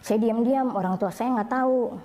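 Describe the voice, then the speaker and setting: Woman telling her story, mellow voice. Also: normal speed. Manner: plain storytelling, rising high when quoting others. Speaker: convert sharing her story. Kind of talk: personal testimony. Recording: faint background noise.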